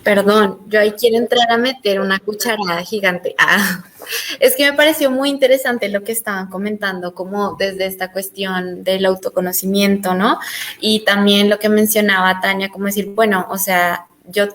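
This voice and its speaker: A woman's voice: mid-range voice, fairly even intonation, moderate pace, fairly bright tone. Colombian woman moderating a panel. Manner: hesitant, thinking aloud with many fillers. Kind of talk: online panel discussion.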